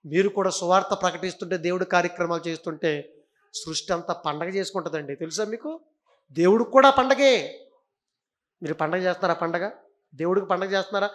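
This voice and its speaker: A middle-aged man preaching a church sermon, repeating phrases emphatically and questioning the congregation, with sudden swings between loud exhortation and quiet low asides. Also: brisk, pauses often.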